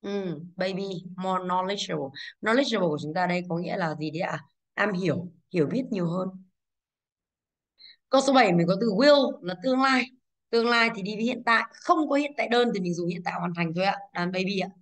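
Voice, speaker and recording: A young woman teaching English to a class, going briskly through exam answers and asking the students over and over whether they follow. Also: mid-range voice. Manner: brisk, scolding, checks understanding with rhetorical questions.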